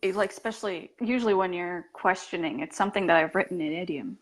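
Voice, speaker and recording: A woman's voice: fairly low pitch, quick pace. A woman who grew up in the Gaeltacht, a guest co-writer chatting casually and easily. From Gaeltacht, Ireland. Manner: easygoing, brief agreeing replies. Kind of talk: casual conversation.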